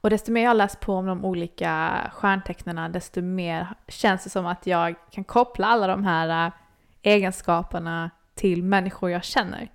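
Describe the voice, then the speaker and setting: Gravelly young woman telling stories. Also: fairly low pitch. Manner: animated storytelling, acts out her own reactions. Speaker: podcast co-host. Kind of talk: casual chat.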